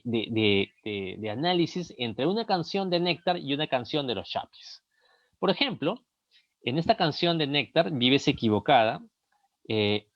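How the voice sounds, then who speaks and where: A man's voice: fairly high pitch, dry recording, muffled recording. A man with a Peruvian Spanish accent giving a recorded lesson, explaining each point and reading song lyrics aloud to make it. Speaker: lecturer.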